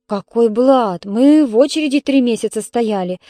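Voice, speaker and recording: A woman's voice: fairly high pitch, lively intonation, normal speed, mellow, dry recording, lightly acted. Woman reading as an easygoing male neighbor. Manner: easygoing, unoffended. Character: good-natured middle-aged male musician neighbor.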